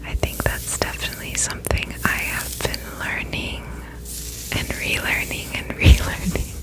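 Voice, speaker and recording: A woman whispering a gentle, reassuring pep talk in a reflective ASMR style, her voice breathy and unvoiced. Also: unhurried, low-quality recording. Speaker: ASMR host.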